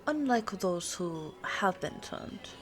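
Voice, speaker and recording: Patiently explaining things, a woman with a medium-pitched voice full of big pitch swings plays an ageless, twenty-nine-looking pure-blood vampire girlfriend who's teasing and worldly. The intimate one-sided ASMR roleplay moves unhurriedly, with musing hums before each answer, over soft music and cafe sounds.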